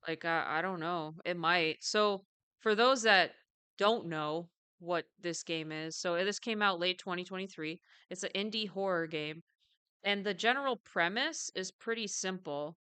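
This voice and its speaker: A woman's voice: lowish voice, measured pace, sharp tone, clean tone, no echo. A woman co-hosting a podcast, chatting casually with many fillers and restarts. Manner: chatty, lots of fillers and self-corrections; self-described jumpy. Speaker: podcast co-host.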